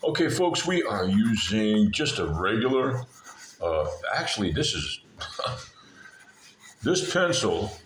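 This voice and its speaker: Very low-voiced man, halting and meandering. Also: big pitch swings, fairly bright tone. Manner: halting, meandering, often breaks off and rephrases mid-sentence. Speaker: art lesson video host. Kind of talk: rambling informal drawing tutorial talk. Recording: echoey room with faint background noise.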